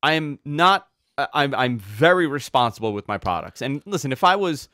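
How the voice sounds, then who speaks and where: A man hosting a podcast, telling stories in an animated way and repeating words when he gets excited. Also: mid-range voice, normal speed, dry recording, clean studio sound. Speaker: podcast host. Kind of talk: casual podcast chat.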